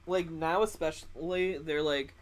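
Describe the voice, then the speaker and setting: A man's voice: a little high, fairly even intonation, a little slow. A young adult man co-hosting a podcast, laid-back and agreeable, swearing casually while chatting with friends. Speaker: podcast co-host. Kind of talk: casual chat among friends.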